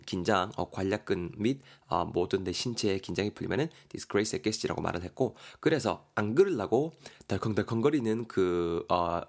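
A man teaching English words in a casual podcast lesson, acting out example dialogues with lively shifts in voice. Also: on the low side. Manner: animated, acts out example dialogues.

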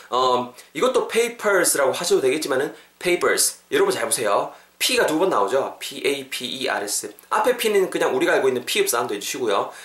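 A man's voice: medium pitch, fairly bright tone, echoey room. A man hosting an English lesson podcast, chatty and playful. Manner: playful, chatty, acts out both sides of short dialogues. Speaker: English teacher and podcast host.

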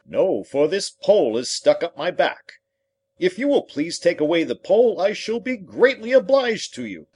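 A man voicing a friendly, brainless straw-stuffed scarecrow from a storybook, with a husky voice and a polite, earnest manner. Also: sing-song, moderate pace, darkish tone, heavily acted. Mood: plaintive, polite. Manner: polite, earnest, wide swoops in pitch. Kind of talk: storybook character voice.

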